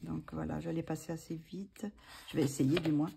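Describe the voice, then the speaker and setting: A woman's voice: low voice, little pitch movement, fairly quick, creaky, mellow, a little hiss or hum. A woman talking casually as a vlogger, hesitant and full of fillers as she thinks aloud. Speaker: vlogger showing coloring books. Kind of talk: casual chat.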